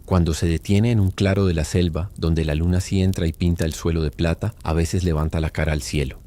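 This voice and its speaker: Brief: male storyteller, very low and dark voice, calm bedtime narration. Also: a little fast.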